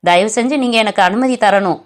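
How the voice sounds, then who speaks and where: A woman's voice: medium pitch, normal speed, close to an everyday voice. A woman reading as a remorseful young man. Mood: remorseful, pleading. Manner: apologetic, pleading, respectful. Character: earnest remorseful young man, humble and polite.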